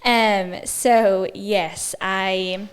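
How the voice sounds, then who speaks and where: A woman in her twenties from Houston with a Texan accent, chatting casually as a podcast guest, self-deprecating and quick to laugh. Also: mid-range voice, fairly even intonation, smooth. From Houston, Texas. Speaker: podcast guest, business owner. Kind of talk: casual interview chat.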